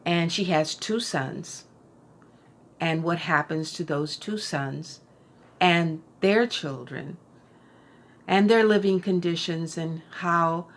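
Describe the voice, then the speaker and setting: A middle-aged woman giving a casual book review, thoughtful and unhurried, with frequent fillers and restarts. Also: on the low side. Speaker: book vlogger.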